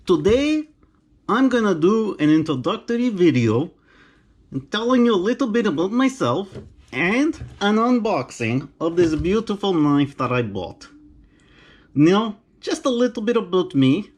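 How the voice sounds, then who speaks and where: A middle-aged Romanian man with a Romanian accent, a knife-collecting vlogger, chats eagerly with viewers while unboxing a knife in a casual vlog. His voice sits high and sing-song, a touch slow and somewhat mellow.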